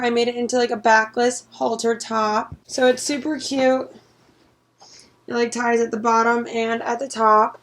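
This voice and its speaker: Bubbly young sorority woman, higher-pitched voice. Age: young adult. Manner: bubbly sorority-girl enthusiasm, gushing. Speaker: vlogger, sorority member. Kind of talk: casual vlog chat.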